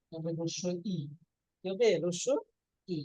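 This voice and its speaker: A woman's voice: lowish voice, fairly even intonation, measured pace, dark tone, dry recording. Woman teacher drilling a class. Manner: drills students with repeated quiz questions. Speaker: language teacher. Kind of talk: classroom lesson. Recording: dull lo-fi dry recording.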